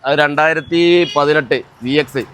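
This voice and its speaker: A man's voice: fairly high pitch, fairly even intonation, normal speed, a bit bright, slight background noise. A man with a Malabar Malayalam accent, a car dealer who mixes in English terms and gives short, repeated answers in casual sales talk. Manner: clipped answers, repeats key phrases.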